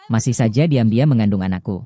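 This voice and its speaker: A man dubbing a cold, scornful young man in a drama, who confronts a pregnant lover in a low, cold delivery. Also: animated, fast talker, mellow, no room sound. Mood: cold, accusing.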